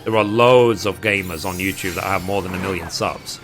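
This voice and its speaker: Over background music, a low-voiced man with a British accent talks to his stream audience at a moderate pace. As a gaming streamer, he rambles casually and at length, reading out chat messages and responding to them.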